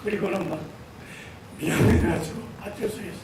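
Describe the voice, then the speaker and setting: A middle-aged male pastor delivers a Sunday sermon in a fairly high voice, telling stories and calling out to the congregation. He is heard from a distance in a very echoey sanctuary. There is steady room noise behind him. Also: moderate pace. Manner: storytelling, addressing the congregation directly. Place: church sanctuary. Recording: echoey church hall, voice from far off, room noise.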